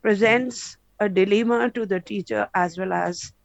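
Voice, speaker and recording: A woman asking a question in a webinar, earnest and measured, stretching her key words. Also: medium pitch, gravelly, no room sound. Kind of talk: question in an online Q&A. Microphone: video call. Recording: dull lo-fi call audio.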